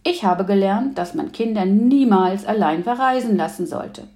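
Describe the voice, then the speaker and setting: A woman doing a caring gentle mother. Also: mid-range voice, moderate pace, close to an everyday voice. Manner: gentle, concerned.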